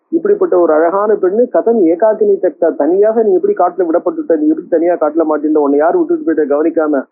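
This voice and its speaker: Older man, scripture commentary, slow verse chanting then easy explanation, husky voice, fairly high, thin phone-like sound. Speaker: Sanskrit scholar giving a scripture discourse. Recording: tinny phone-like audio.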